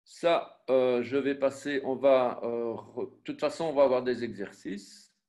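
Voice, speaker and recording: A man teaching a Biblical Hebrew lesson online, spelling out syllables and letters one by one, often pausing to correct himself. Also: medium pitch, darkish tone. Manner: self-correcting, with frequent fillers and restarts. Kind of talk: online class with screen sharing.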